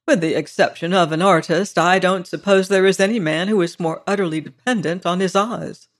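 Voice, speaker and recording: A man reading the part of an impulsive former solicitor turned private detective, speaking in an earnest, somewhat stiff and brisk way. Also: high-pitched, a bit bright. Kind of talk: audiobook character reading.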